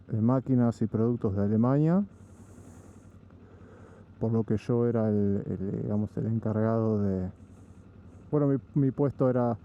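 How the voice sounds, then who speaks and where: A man from Argentina with an Argentine Spanish accent, narrating a casual vlog while driving, in a relaxed, rambling way with frequent restarts. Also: mid-range voice, dull audio. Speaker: vlogger. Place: in a vehicle on the road.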